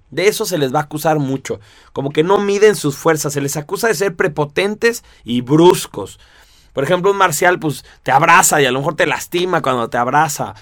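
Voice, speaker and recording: A man teaching in a lively, chatty way, with a fairly high voice. He keeps checking in with his listeners through rhetorical asides, and the sound is close and dry, with no room around it. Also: no echo. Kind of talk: explanatory talk to an audience.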